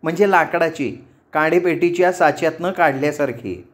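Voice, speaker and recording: A man voicing an excitable, loud young woman student living abroad, talking quickly and impatiently. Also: a little high, close to an everyday voice. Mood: excited, impatient.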